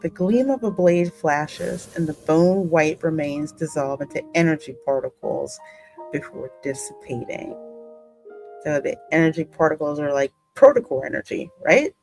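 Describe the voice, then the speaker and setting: A woman with a low, slightly mellow voice hosts a gaming channel, slowly reading the narration of a story game and reacting aloud in her own asides. The recording is rough, with music playing behind her.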